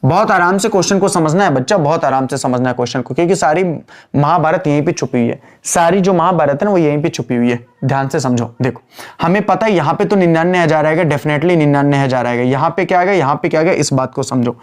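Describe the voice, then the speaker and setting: Patient Hindi-speaking accounts teacher, higher-pitched. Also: male voice. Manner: repeats key phrases, quizzes students with questions; drawls slowly while writing entries. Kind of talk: online classroom lecture.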